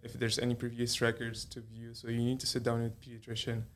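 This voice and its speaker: A young man from Egypt speaks as a pediatrician guest in a conversational interview. His voice stays level and flat in pitch. He hesitates often, restarting sentences with fillers. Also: fast, slight background noise.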